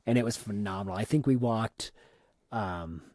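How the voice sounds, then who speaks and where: A man co-hosting a podcast, chatting casually and excitedly about a theme park trip, often repeating words. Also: fairly low pitch, moderate pace, no echo, clean studio sound. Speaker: podcast co-host. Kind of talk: casual trip recap chat.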